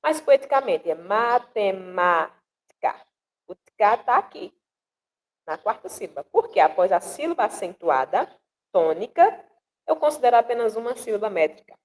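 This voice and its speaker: A woman from northeastern Brazil, a poet, teaching verse meter in a slow, deliberate way and sounding out syllables one at a time. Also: a little high, sing-song, darkish tone, low-quality recording. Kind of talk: explanatory lesson with recited verses.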